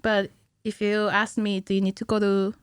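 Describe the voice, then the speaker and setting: Clean, studio-quality audio with no echo captures a woman's medium-pitched voice, level in tone and moderate in pace. She's an animator in her thirties guesting on a podcast, giggly and informal as she explains things in casual interview chat. The setting is a small indoor podcast studio with a close studio mic on a stand.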